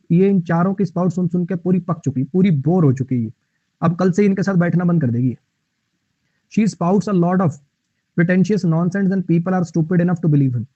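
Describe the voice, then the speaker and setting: High-voiced man teaching vocabulary. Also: warm tone, dry recording, dull audio. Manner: explains English words in Hindi, repeats lines, chats with viewers. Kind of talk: online class lecture.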